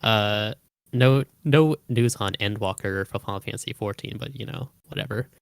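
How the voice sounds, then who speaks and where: A man as a podcast guest, deadpan and halting, with many fillers. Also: on the low side, vocal fry, smooth, no room sound. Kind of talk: casual podcast chat.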